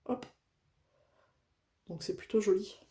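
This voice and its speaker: Her pace is slow and her tone warm as she chats at home during a craft project. The speaker, a craft vlogger from northern France, has a Northern French accent and fills her talk with fillers and restarts.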